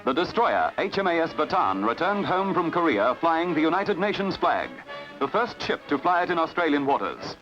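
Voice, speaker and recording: A man's voice: a little high, big pitch swings, normal speed. A man narrating an old 1950s newsreel in a formal, declamatory manner. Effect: old newsreel soundtrack. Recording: dull lo-fi newsreel sound with music. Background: music.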